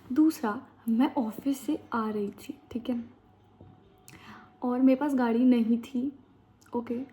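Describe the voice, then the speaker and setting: A woman's voice: fairly high pitch, mellow. Chatty young woman telling a story. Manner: chatty, slangy, dramatic retelling. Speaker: vlogger. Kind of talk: casual storytime chat. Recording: dull lo-fi sound with faint background noise.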